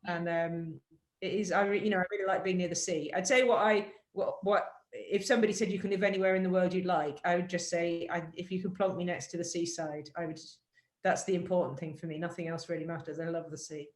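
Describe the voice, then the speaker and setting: Talking as a guest author over a video call, this Englishwoman mixes Yorkshire and Cornish in her accent. Her lowish voice holds a steady tone at a slightly quick pace, wandering thoughtfully through her points with lots of fillers and restarts, and the room sounds echoey.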